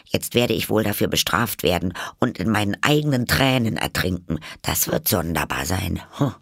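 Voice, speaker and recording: A man's voice: low voice, lively intonation, normal speed, creaky, fairly bright tone, breathy edge, no room sound, studio quality, full character voice. A man voicing an eager, polite little girl in a storybook reading, chattering anxiously and apologizing.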